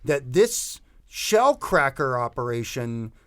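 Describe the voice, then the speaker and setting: A man's voice: medium pitch, sing-song, slow. A man narrating as game master of a tabletop role-playing game, talking loosely with many restarts and fillers.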